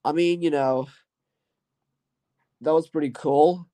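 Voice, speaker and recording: Rambling man with a mellow, higher voice. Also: steady tone, takes it slowly. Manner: rambling and hesitant, full of "you know" and "I guess". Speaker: channel host. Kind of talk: casual solo year-in-review talk.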